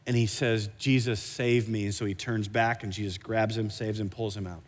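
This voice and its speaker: A man preaching a sermon as pastor, animated, often stumbling and repeating words as he restarts a thought. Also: fairly low pitch, fairly quick, big-room sound.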